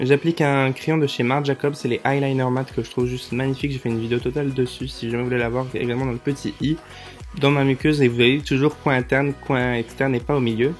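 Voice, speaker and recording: A man's voice: medium pitch, fairly even intonation, fast talker. Guy doing a chill makeup tutorial voiceover, kinda tired, trips on his words, faint music in the back. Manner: chatty, stumbles and corrects his words. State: tired late at night. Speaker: makeup vlogger. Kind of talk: casual makeup tutorial voice-over.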